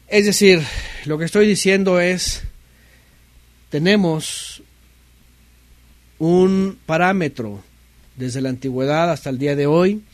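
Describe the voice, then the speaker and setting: A man's voice: fairly high pitch, dry recording. A man with a Mexican accent preaching a sermon in a conversational way, often asking rhetorical questions and mimicking people's complaints.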